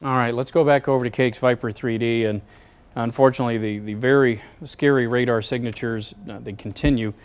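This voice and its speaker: Male TV meteorologist, mid-pitched, serious and explanatory, delivering live severe storm warnings from a studio. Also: steady tone, smooth. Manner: measured, serious, explanatory, urging caution. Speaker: TV weather forecaster anchoring storm coverage. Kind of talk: live severe weather commentary.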